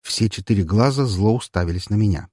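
A man reading a first-person story aloud in an expressive, wry audiobook narration. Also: fairly low pitch, a little fast, husky, dry recording, studio quality.

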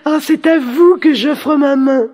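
A man voicing an impatient young princess in a storybook reading, shrill and theatrical. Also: slow, darkish tone. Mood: delighted. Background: music bed.

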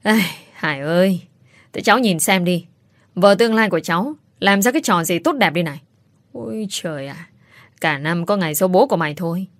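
Woman reading a nosy, sharp-tongued aunt who nags and scoffs, pitched a little low, dry. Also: expressive, brisk, no echo, lightly acted. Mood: scornful. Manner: scornful, nagging.

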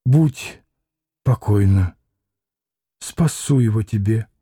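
A man voicing an anguished, proud young woman in a breathless confession, read in a slow audiobook. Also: medium pitch, expressive, dark tone, no echo, clean studio sound. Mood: whispering.

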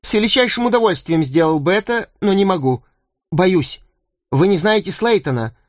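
A jittery jailhouse guard frets and hurries through his words, his voice pitched up high, as a male narrator puts him on. He sounds fearful and fussy, sometimes sinking to a hushed whisper. The sound is dry and close, with no room in it. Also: lively intonation, dry recording. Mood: anxious. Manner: nervous, hurried, dropping to a whisper. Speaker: audiobook narrator. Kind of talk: audiobook character voice.

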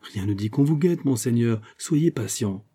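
A man's voice: mid-range voice, lively intonation, normal speed, mellow, breathy edge. A man reading a classic novel aloud, voicing a loyal, anxious adviser who speaks in an urgent, pleading way.

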